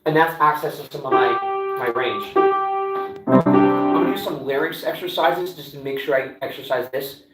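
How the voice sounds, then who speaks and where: A man as a vocal coach, talking himself through a live warm-up and explaining each step as he goes. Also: mid-range voice, normal speed, long pauses. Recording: roomy, distant mic with loud piano. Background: piano playing.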